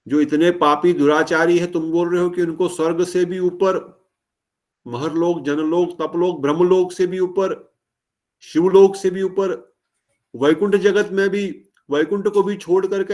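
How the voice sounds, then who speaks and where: A man giving a devotional discourse, retelling a sacred story with acted-out dialogue and questions to the listeners. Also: a little high. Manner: animated, acts out dialogue, asks audience questions. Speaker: preacher.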